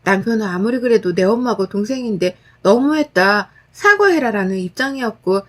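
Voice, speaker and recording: A woman narrating a dramatized personal story in a firm, calm voice. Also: mid-range voice, moderate pace.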